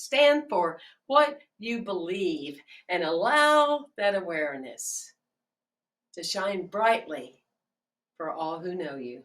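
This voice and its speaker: A woman minister giving a sermon in a gentle, measured, halting way. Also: mid-range voice. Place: church sanctuary. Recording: distant mic with faint music.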